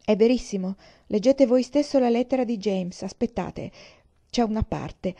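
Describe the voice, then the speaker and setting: A woman's voice: a little high, normal speed, warm tone, natural voice. A woman reading an audiobook voices a distressed, earnest young woman who speaks in a pleading, agitated way.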